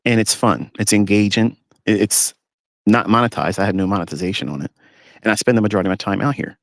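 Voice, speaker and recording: A man's voice: on the low side, quick pace, vocal fry, no echo, studio quality. A man hosting a live audio stream from his parked pickup truck, lecturing in a blunt, scornful way. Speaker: host.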